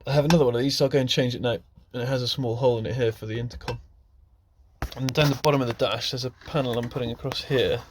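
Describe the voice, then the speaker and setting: With a steady, mid-range voice and a quick pace, this man talks through a hands-on DIY demonstration against some background noise. He's a car hobbyist, and his delivery is casual, improvised, informal and self-deprecating.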